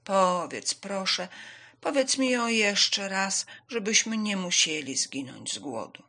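A woman voicing a slow, patient male tortoise who speaks very slowly and carefully. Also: medium pitch, expressive, bright, forceful tone, heavily acted.

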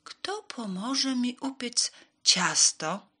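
Woman voicing a little red hen, earnest, emphatic, lively pitch, storybook. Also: extremely slow, slightly rough, full character voice.

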